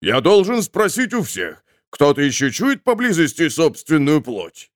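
A man's voice: a little high, huge pitch swings, measured pace. A man voicing a fussy dead merchant who talks anxiously. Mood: pleading.

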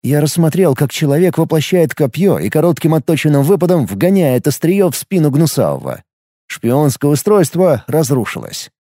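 A man reading a first-person audiobook story in a steady, measured way. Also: a little high, no room sound, clean studio sound. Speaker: audiobook narrator. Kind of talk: first-person scripted narration.

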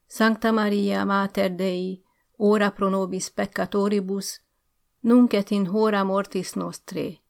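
An eager, naive young schoolteacher , as a woman reader puts her on who answers earnestly and a little too willingly. Her voice sits a touch higher, with a gravelly rasp. Audiobook storytelling. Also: fairly even intonation, close to an everyday voice. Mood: reciting. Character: eager naive young female village teacher.

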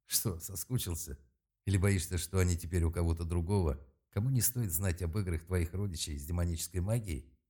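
A man's voice: deep voice, fairly quick, mellow, slightly rough. A man voicing a sardonic, defiant young man in an audiobook, speaking with bold mockery. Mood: taunting. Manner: mocking, bold. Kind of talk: audiobook character voice.

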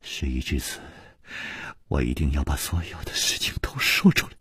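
A man voicing a weary, ailing woman who speaks softly, low and breathy. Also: big pitch swings, unhurried, dry recording, studio quality, full character voice. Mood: sorrowful. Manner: soft, low, breathy and subdued.

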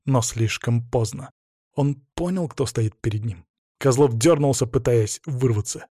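A man reading a first-person story aloud as an audiobook narrator, in a measured, intense storytelling manner. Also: mid-range voice, warm tone, breathy edge, dry recording, clean studio sound.

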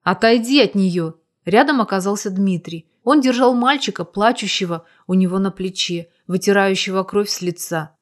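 A woman reading a story aloud as narrator, in steady, even storytelling. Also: mid-range voice, moderate pace, hardly any pauses. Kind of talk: scripted audiobook narration.

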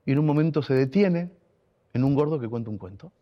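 Through a muffled recording, an Argentine man's mid-range voice comes across as expressive and fairly quick. A radio contributor and writer with an Argentine Spanish accent, he shares a personal story with emotion, stressing his points by repeating words.

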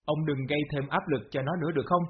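A man reading the lines of a long-suffering middle-aged mother who speaks slowly and pleads. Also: on the high side, fairly even intonation, slightly rough. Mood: bitter. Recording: dull lo-fi audio.

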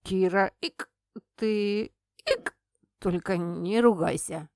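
A woman voicing a tipsy, cheeky little male imp familiar who hiccups and drawls slowly in an audiobook. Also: mid-range voice, a little mellow, no echo, clean studio sound. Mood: plaintive.

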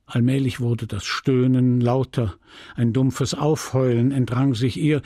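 A man reading a classic novel as an audiobook in a measured, dramatic, often hushed way, on a close studio mic. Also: mid-range voice, steady tone, no room sound. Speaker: audiobook narrator.

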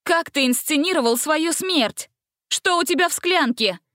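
A woman voicing a stern young female investigator who barks sharp orders in a storybook reading. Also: high-pitched, lively intonation, measured pace, no room sound, studio quality, voice pushed up. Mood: commanding. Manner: sharp, commanding.

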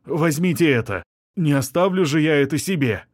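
A man's voice: a little high, lively intonation, normal speed, no echo, voice pushed up. Middle-aged male violinist voiced by a narrator, wheedling, touchy, spiteful, dry close sound. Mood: pleading. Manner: wheedling, offended, turning menacing. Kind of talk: audiobook character reading.

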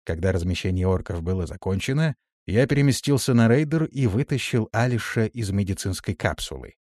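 A man narrating a fantasy audiobook in an expressive, varied delivery. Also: lowish voice, brisk, no room sound, studio quality.

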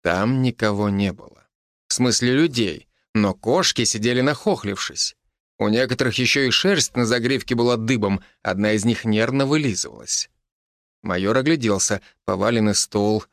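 A man narrating an audiobook in a measured, dramatic way with slow pauses for suspense. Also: medium pitch, no echo, clean studio sound. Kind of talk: scripted story narration.

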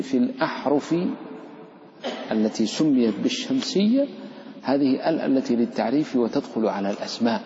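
Gravelly, dark-voiced sheikh teaching recitation. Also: male voice, medium pitch, a little hiss or hum. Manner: stretches out example words, asks students questions. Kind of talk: classroom explanation of tajweed verses. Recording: roomy, echoey lo-fi hall recording.

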